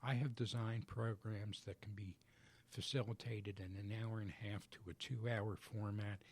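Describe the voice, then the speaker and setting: A man guest on a business radio show in a studio, explaining his coaching work in a measured, methodical way. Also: fairly low pitch, flat delivery, breathy edge. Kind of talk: radio interview answers.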